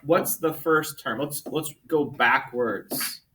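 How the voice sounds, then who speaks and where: A man teaching a math class, walking students through problems with brisk, coaxing questions. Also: medium pitch, fairly bright tone, slight background noise.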